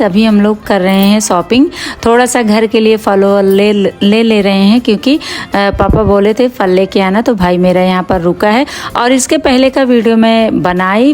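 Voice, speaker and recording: A woman's voice: mid-range voice, a little mellow. A middle-aged woman vlogger narrating her day in a casual, chatty way, addressing viewers as friends. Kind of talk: casual vlog narration over home footage.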